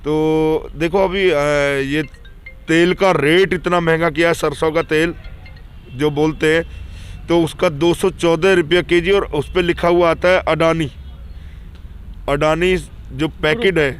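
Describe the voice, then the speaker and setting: A farmer speaks in a street interview. His voice sits a little high, and his tone is earnest and aggrieved. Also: steady tone, takes it slowly, smooth. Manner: earnest, complaining.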